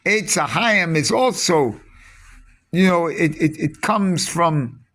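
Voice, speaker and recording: A man giving a rambling spoken teaching on mysticism, halting often with restarts and repeated words. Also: fairly high pitch, expressive, a bit bright.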